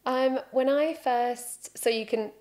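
A British woman in her thirties, a freediving instructor, speaks slowly in a high, slightly mellow voice as a podcast guest. Sitting on a studio sofa against a plain wall, wearing headphones close to a desk mic, she tells her story in a relaxed interview with self-mocking humor.

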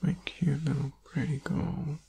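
A man playing a needy, sleepy, affectionate boyfriend in an ASMR whispered role-play, tender and clingy, with a husky, creaky whisper. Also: on the high side, level tone, warm tone, full character voice. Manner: slow, tender, clingy, soothing. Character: needy, sleepy, affectionate boyfriend cuddling his partner in bed.

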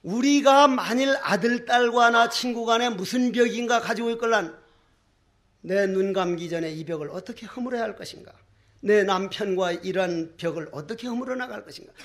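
An older man, a Buddhist monk, giving a dharma talk in a folksy, animated preaching manner full of rhetorical questions. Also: high voice, moderate pace. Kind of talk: sermon.

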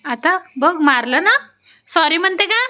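A woman's voice: extremely high pitch, expressive, unhurried, pushed and bright, slight background noise. A young woman vlogging at home on a phone, chatting to viewers and coaxing a toddler in a sing-song way. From Sakoli, Maharashtra. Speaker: family vlogger. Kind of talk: casual home vlog. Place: family home indoors.

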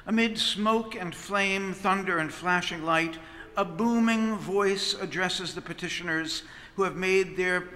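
Long reverb rolls after each phrase as a middle-aged priest preaches in a vast stone church. Speaking into a pulpit microphone on a stand, he keeps a calm, measured rhythm in a high, bright voice. His delivery is expressive, punctuated by sweeping hand movements.

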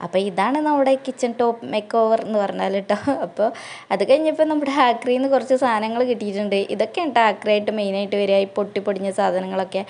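A young woman vlogger from Kerala, India, narrates her home vlog in a chatty way with a Malappuram Malayalam accent, tagging sentences with a friendly "tto." Her medium-pitched voice is fast and a little mellow.

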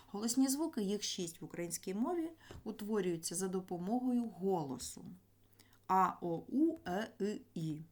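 A woman teaching a grammar lesson, explaining sounds deliberately and sounding out letters and words one by one. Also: medium pitch.

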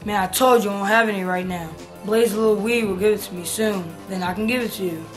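A sly snail dealer who coaxes and tempts, voiced by a woman. The voice sits in a middle pitch. Music runs clearly behind her. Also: steady tone, fast, natural voice. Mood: evasive. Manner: coaxing, sly.

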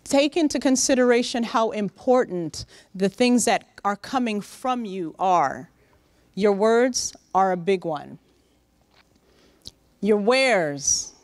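A middle-aged woman giving a lively, direct motivational talk to young interns in a large conference room, speaking into a handheld microphone. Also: medium pitch, slow pace, dry recording. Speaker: workshop speaker. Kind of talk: motivational professional-development talk.

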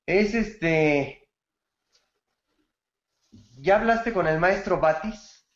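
A man's voice: high voice, very slow, reverberant, muffled recording. A man teaching songwriting gives feedback on a student's bolero, praising it and explaining grammar with song examples. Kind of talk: feedback in an online class.

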